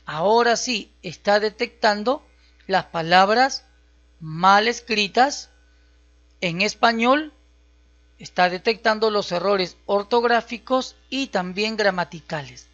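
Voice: mid-range voice, slow, fairly bright tone. Tutor doing a screen recording lesson, step by step, mid voice, kinda muffled lo-fi sound. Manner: step-by-step, checks in with listeners. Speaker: computer skills instructor. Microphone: voice-over on a screen recording. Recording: slightly dull, lo-fi audio.

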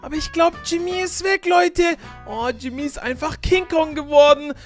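A woman hosting a game role-play, talking frantically and excitedly with lots of exclamations. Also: high-pitched, normal speed, faint music behind. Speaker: host.

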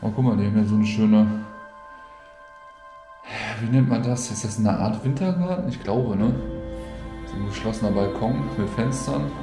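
A man's voice: lowish voice, moderate pace, pauses often, music in the background. A man giving an informal, colloquial walk-through commentary as a vlogger out and about. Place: mostly outdoors, walking through an abandoned housing estate.

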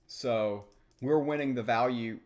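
Playing cards on stream from a small room in his home, this young adult man talks through every move analytically as he goes. He speaks in a mid-range voice at a measured pace.

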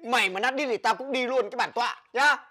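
A man's voice: very high voice, quick pace, full character voice. A man with a Northern Vietnamese accent playing an exasperated older brother who scolds his little sister in a village comedy sketch. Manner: scolding, exasperated, loud complaining.

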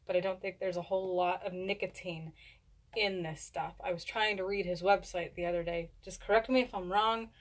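A woman's voice: on the low side, steady tone, a little fast. A young adult woman chatting casually to camera in a rambling, stumbling way, talking with a lip full of dip. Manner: rambling, stumbles over words. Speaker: video blogger doing a product review. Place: indoors, small home room. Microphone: camera at a short distance.

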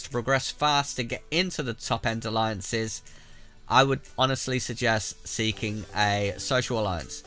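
A gaming YouTuber with a cold sounds bunged up as he casually narrates a game tutorial in voice-over over gameplay capture, giving chatty, direct advice to viewers. His medium-pitched voice is pushed and bright.

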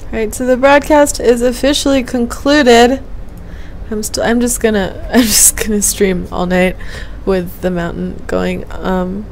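On a game stream, a young woman with a somewhat high voice and fairly even intonation talks a little slowly in a casual, rambling way. Half muttering to herself into a gaming headset mic, she sounds hesitant, and slight background noise comes through from her small room at home.

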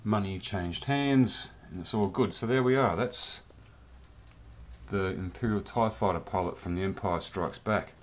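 Low-voiced man chatting about toys. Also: a little slow. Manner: chatty, rambling, loose slang. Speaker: toy collector vlogger. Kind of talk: casual toy review vlog. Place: home beer cellar, dim.

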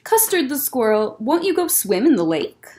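Her voice is high, mellow, and full of big pitch swings at a moderate pace as she reads a picture book aloud. The young woman leads a children's story time indoors in a library room lined with bookshelves, expressive and dropping in casual asides.

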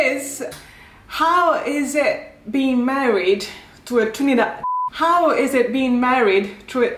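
A woman's voice: high-pitched, lively intonation, slow, roomy sound, background noise. A young woman co-hosting a casual couple's chat, chatty and giggly, often tripping over her words. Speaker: co-host of a couple channel. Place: living room.

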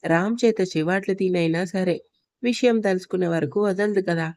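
A woman's voice: lowish voice, moderate pace, a little mellow, no echo. A woman reading a love story aloud as scripted narration, voicing every character in her own voice.

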